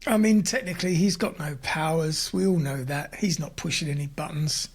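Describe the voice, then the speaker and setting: A man's voice: on the high side, moderate pace, slightly rough. A man co-hosting a podcast in casual chat, blunt and sarcastic, swearing freely. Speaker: podcast co-host.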